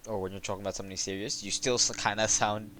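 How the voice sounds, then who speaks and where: Low, flat-voiced man chatting casually. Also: noisy background. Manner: monotone, halting, many fillers. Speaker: game developer and host. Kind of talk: casual chat.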